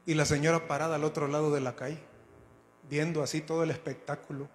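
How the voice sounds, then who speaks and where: A man's voice: a little high, flat delivery, fast talker, a little hiss or hum. A man preaching a sermon, telling stories dramatically, his voice swelling and dropping to build suspense. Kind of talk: storytelling sermon. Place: church sanctuary. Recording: long church hall reverb.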